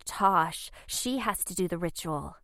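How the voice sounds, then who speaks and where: A man voicing anxious teenage girls in a spooky storybook, raising his voice high and sounding worried. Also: expressive, a little slow, sharp tone, no echo, clean studio sound, full character voice.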